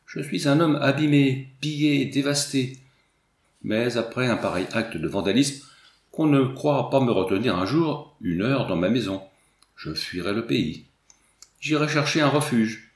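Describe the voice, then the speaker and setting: A man's voice: mid-range voice, expressive, unhurried, echoey room. A man voicing a small, fat, fussy landowner who laments and coaxes theatrically, in a storybook reading. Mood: lamenting.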